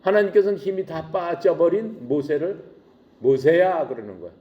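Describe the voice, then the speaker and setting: A male preacher retelling a Bible story in a casual, animated way, full of rhetorical questions. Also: medium pitch, moderate pace, dull audio. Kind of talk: sermon.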